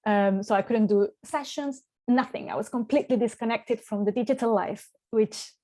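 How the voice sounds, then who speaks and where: A woman's voice: a little high, normal speed, dark tone. A woman of around forty hosting a live online workshop as a spiritual coach, speaking on a video call in a reflective way, searching for words and repeating them as she goes.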